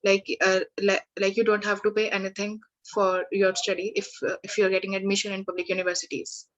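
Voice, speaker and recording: Young woman tutor for a live beginner class; halting, restarting speech, mid-range voice. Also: medium pitch, little pitch movement, lo-fi sound. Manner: halting, many restarts and fillers. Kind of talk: live online beginner language lesson.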